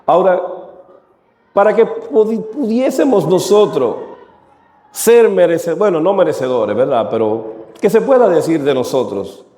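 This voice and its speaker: A man's voice: sits high, sing-song, a little slow, mellow. A man preaching a sermon to his congregation, asking them rhetorical questions. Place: church. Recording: echoey church hall.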